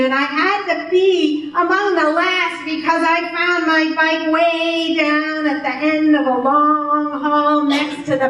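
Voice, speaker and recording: An older woman telling a first-person story, unhurried and expressive. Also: high-pitched. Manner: unhurried, expressive delivery with amused laughter. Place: storytelling event hall. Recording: very echoey hall, voice far from the mic.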